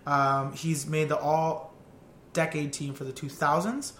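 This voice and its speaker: A man hosting a casual podcast, reading trivia clues haltingly with lots of fillers and casual swearing. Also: a little high, steady tone, a bit bright, roomy sound, a little hiss or hum. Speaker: podcast host running a sports trivia quiz. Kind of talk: casual chat.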